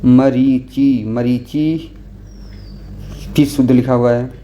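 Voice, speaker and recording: A man's voice: medium pitch, steady tone, slow, warm tone. A man tutoring for an exam, walking through answers one by one and checking in often with the class. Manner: patient, repeats with frequent "okay?" checks. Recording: dull lo-fi recording with faint noise.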